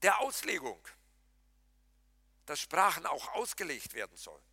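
Speaking a little slowly, this preacher still sounds bright and forceful, his pitch leaping up and down as he addresses the congregation during a lively Pentecostal sermon. He's animated, laughing and joking with them and challenging them directly, all captured in a dry, close recording without echo.

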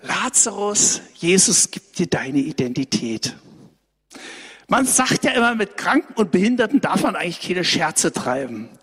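Husky-voiced lively male preacher. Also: high-pitched, a little slow, in a large hall. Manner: lively, conversational preaching, addresses the congregation directly with frequent "ne?". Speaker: pastor. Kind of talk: sermon. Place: church hall.

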